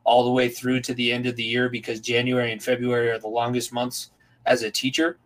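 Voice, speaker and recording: A man's voice: mid-range voice, monotone, fairly quick, fairly bright tone, poor audio. A young adult man hosting a casual podcast, talking earnestly and reflectively about teaching, with rambling restarts.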